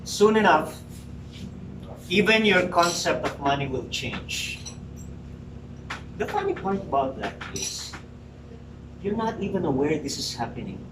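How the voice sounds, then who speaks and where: A public speaker in his forties delivers a prepared speech straight to a live audience in a meeting room, emphatic and rhetorical. His voice is on the high side and sing-song, at a measured pace with long pauses. The mic is distant in a roomy, noisy hall.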